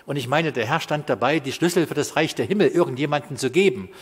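A man in his fifties preaching a sermon in a conversational way, with quiet asides and loud bursts of emphasis. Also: fairly high pitch, quick pace, breathy edge. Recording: hall with long reverb.

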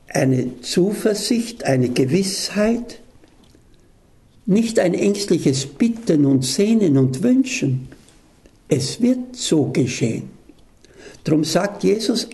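A male preacher reads scripture verses aloud and explains them between readings. His voice is dark and mellow with a gravelly edge, a little higher than most men's. He takes the text slowly and deliberately. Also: very animated.

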